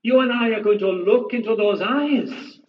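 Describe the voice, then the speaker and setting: A man's voice: sits high, moderate pace, roomy sound. A man preaching a sermon in an earnest, emphatic way, repeating phrases to press his point home. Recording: distant dull recording with faint hiss.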